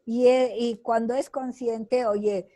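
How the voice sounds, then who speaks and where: An older woman giving a lecture over a video call, answering students' questions in a slow, deliberate way with many fillers and tag questions. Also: a little high, fairly even intonation, dark tone.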